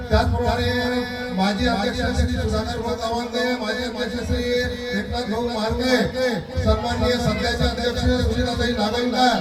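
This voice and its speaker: High flat man's voice over a booming PA. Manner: reads out guests' titles and names in a slow, formal list. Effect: heard over a PA loudspeaker. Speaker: event announcer. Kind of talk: formal ceremonial announcing. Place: village school function hall. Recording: echoey PA sound from far off, music and crowd behind.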